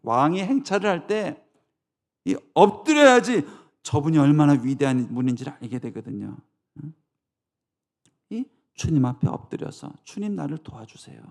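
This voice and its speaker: A man's voice: a little high, expressive, moderate pace, darkish tone. A male pastor preaching a sermon in a church, emphatic, often tossing rhetorical asides to the congregation.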